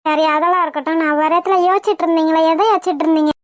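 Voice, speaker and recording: A woman's voice: very high-pitched, steady tone, very fast, dry recording, studio quality. A woman voicing a young, devoted wife in a cartoon, affectionate, pleading and playfully scolding. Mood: teasing. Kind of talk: cartoon voice acting.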